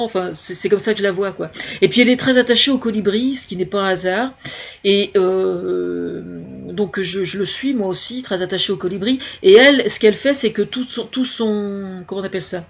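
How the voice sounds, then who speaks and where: Husky, hesitant woman on a dull recording. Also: mid-range voice. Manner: hesitant, searching for words with many restarts. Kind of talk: casual spoken opinion monologue.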